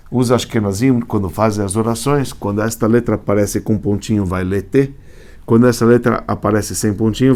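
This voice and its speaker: A man's voice: fairly low pitch, dark tone. A man, a rabbi teaching Hebrew letters in a class, explaining step by step and often asking if students follow. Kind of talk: classroom lecture.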